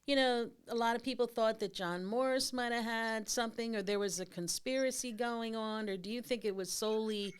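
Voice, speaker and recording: A woman hosting a casual discussion, asking long, rambling questions in an animated way. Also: a little high, brisk, hardly any pauses, clear, resonant tone. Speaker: host.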